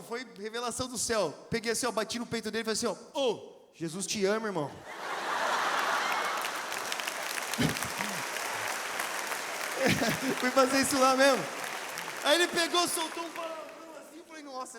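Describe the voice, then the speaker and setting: A man's voice: very high-pitched, noisy background. A man with a Brazilian Portuguese accent telling a casual, slangy sermon story to a conference audience, acting out the dialogue. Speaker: preacher at a youth conference. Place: large hall with audience. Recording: long hall reverb, crowd murmur.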